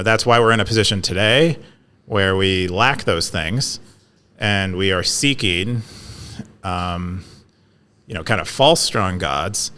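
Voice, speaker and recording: A podcast co-host from California speaks with a deep, bright, forceful voice, with a little hiss or hum in the audio. In a casual conversation, he explains an idea full of fillers, restarts and hesitations.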